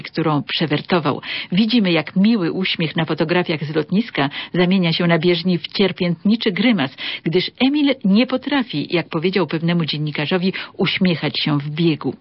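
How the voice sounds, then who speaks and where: A woman hosting a literary radio show, reading a scripted review in a measured, precise way. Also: fairly low pitch, husky, no room sound. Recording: slightly dull radio sound.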